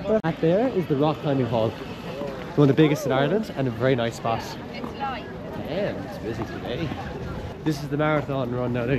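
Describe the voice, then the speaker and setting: A young man giving an informal, enthusiastic walking tour, explaining things in a chatty, loosely phrased way. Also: fairly high pitch. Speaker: campus tour guide, student. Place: outdoors, walking around a campus. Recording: noisy outdoor recording with traffic. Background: clear urban ambience and traffic noise.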